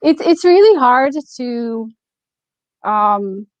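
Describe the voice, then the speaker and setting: A native Slovak woman with a Slovak accent touched by Nova Scotian, talking casually and reflectively as an interview guest, often pausing to find her words. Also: a little high, expressive, no echo, muffled recording. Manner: reflective, halting, searching for words. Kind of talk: casual conversational storytelling.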